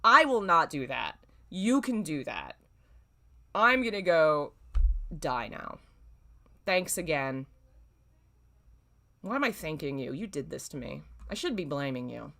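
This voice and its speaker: This woman's voice sits low and is a bit bright, with big swings in pitch, an unhurried pace and long pauses. As host of a casual livestream, she reads her own old fan fiction in a self-deprecating, dramatically exasperated way.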